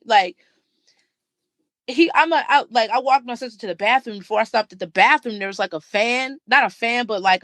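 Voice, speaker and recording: A woman's voice: on the high side, no echo. A young woman, co-hosting a podcast and telling a story in casual chat, acting out the other people's lines. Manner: animated, acts out dialogue in story. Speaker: podcast co-host.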